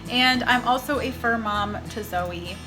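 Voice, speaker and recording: A young Texan woman, a vlogger and military spouse, opens a casual vlog in an upbeat, chatty way with light laughs. Her voice is a little high and unhurried, heard over music in a low-quality recording.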